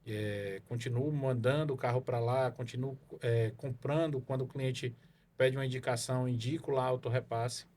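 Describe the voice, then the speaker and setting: The guest is a car evaluation consultant from Salvador, Bahia, Brazil, chatting on a casual podcast about how his career unfolded. He wanders off track, leaning on fillers and tag questions, in a mid-range, slightly mellow voice with fairly even intonation and a moderate pace.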